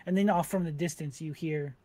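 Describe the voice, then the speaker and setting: A woman acting as game master of a tabletop game, narrating with playful, animated delivery. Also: sits low, fairly quick, background noise. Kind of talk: running a tabletop game online.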